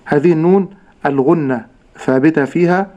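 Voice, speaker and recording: A man teaching Quran recitation rules, explaining in a measured way and drawing out each example word slowly. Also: a little high, mellow, lo-fi sound. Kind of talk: tajweed lesson with slow demonstrations.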